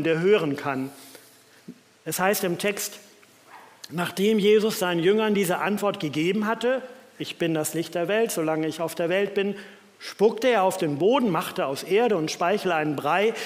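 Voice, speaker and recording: High-voiced man preaching in a church. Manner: reflective, reads scripture aloud. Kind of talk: sermon. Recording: long church reverb.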